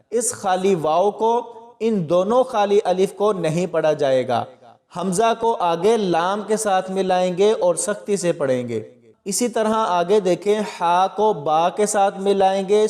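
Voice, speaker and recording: A man teaching Quran reading with tajweed, explaining each word, then spelling it out slowly syllable by syllable. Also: sits high, darkish tone, big-room sound. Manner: slow, drawn-out syllable-by-syllable recitation between explanations. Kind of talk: tajweed lesson, spelling out letters.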